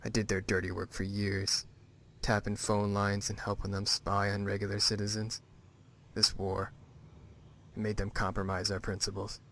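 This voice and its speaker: Brief: man voicing a bitter fugitive in a game, low flat monotone, resentful, faint noise behind. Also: normal speed. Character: bitter hunted man, former spy technician. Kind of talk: video game dialogue.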